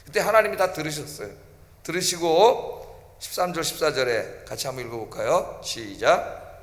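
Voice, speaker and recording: Man, pastor, sermon, emphatic, asks questions, high voice, roomy church echo. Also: normal speed, slight background noise. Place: church sanctuary. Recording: echoey church hall.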